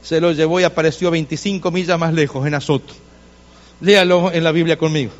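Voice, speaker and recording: A man's voice: a little high, fairly even intonation, fairly quick, big-room sound, lo-fi sound. A male pastor preaching a sermon in a church, telling stories to the congregation and addressing them directly, with insistent repetition.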